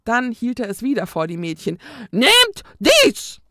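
A woman reading a children's book aloud in a calm, measured storytelling manner. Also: mid-range voice, background noise. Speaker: storybook reader.

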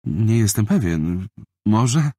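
A man's voice: fairly low pitch, expressive, slow pace, mellow, no echo, clean studio sound, voice pushed up. A man voicing a shy, earnest six-year-old boy in a storybook, asking careful, hesitant questions.

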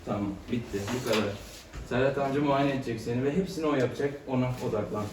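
A veterinarian with a mid-range voice talks fast and soothingly to a cat in a clinic room, coaxing it in casual chatter while handling it. The recording is echoey, with a distant mic and loud background noise.

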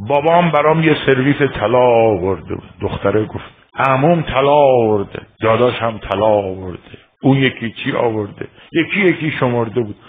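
A man from Iran preaching a religious sermon and telling a story, moving between quiet narration and fervent outbursts. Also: mid-range voice. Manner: emotive, swings from quiet to crying out. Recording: tinny phone-like sound.

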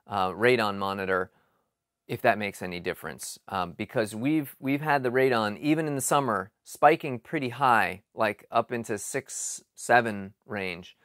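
A man's voice: lowish voice, a little slow, no echo. Man musing aloud in a dry basement. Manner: relaxed, thinking aloud with frequent ums and restarts. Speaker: home improvement vlogger. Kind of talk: casual explanatory vlog. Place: cluttered basement storage area.

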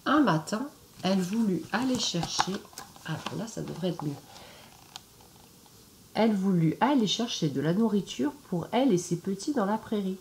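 Brief: animated woman storyteller reading to kids, chatty, playful asides. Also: mid-range voice, normal speed, slight background noise. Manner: lively, chatty asides to young listeners. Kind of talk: reading a fairy tale aloud to children. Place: indoors at home, standing.

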